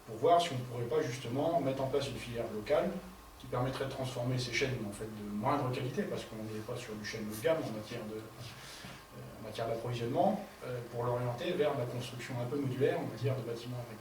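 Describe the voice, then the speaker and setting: Man, panel speaker, explanatory, self-correcting, middle pitch, roomy reverb. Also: fairly quick, darkish tone. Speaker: forestry advisor on a panel. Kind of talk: panel discussion contribution. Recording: distant mic in echoey room, audible noise.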